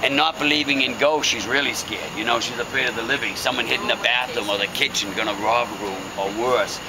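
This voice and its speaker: A man's voice: medium pitch, a little fast, a loud crowd, low-quality recording. A man working as a ghost tour guide, telling a story casually and dramatically with wry, folksy humour and suspenseful phrasing. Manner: folksy, wry, joking delivery.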